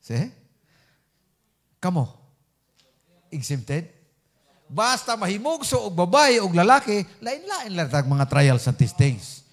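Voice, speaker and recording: A man's voice: sits high, very animated, takes it slowly, long pauses. A man with a Filipino accent preaching a sermon, mixing Cebuano and English and tagging points with "See?". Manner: switches between Cebuano and English, frequent "See?" tags, rising to emphatic peaks.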